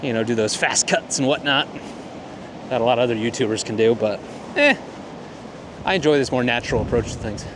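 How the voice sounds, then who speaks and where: A man's voice: mid-range voice, expressive, brisk, pauses often. Laid-back, self-deprecating male photographer vlogging mid-walk; heavy wind hitting the mic outdoors. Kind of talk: casual walk-and-talk vlog. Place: outdoors on a cold, windy morning walk.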